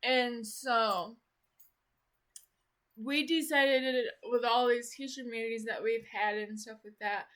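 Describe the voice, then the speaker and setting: A woman talking through a casual vlog in a slow, unhurried way, her voice sitting a little high. It has a bright, forceful edge, and she rambles along, leaning on "like" and restarting her sentences. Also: fairly even intonation. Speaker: vlogger.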